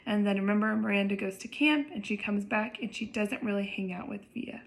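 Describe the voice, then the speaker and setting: Woman reading aloud, gravelly fry. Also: medium pitch, fairly quick. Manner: conversational, chatty asides. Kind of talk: reading a novel aloud with casual asides.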